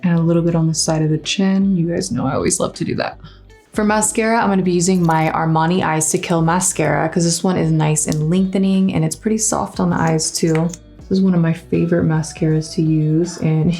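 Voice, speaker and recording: A woman makeup artist narrating a tutorial in a calm, instructive way, with playful teasing. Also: fairly low pitch, brisk, gravelly, soft background music.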